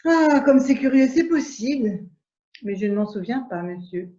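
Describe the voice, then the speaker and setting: A woman playing a prim English lady in an absurdist stage scene, speaking in measured, repetitive exclamations of polite surprise over a video call. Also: a little high, lively intonation, warm tone, natural voice. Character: prim English lady, mildly astonished, formal. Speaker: amateur actor. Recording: dull echoey room audio.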